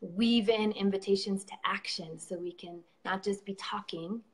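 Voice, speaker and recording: In a live-stream conversation, a female event organizer speaks at a normal speed with a medium pitch and fairly even intonation. Her delivery is earnest and effusive, crowded with ums, fillers and restarts.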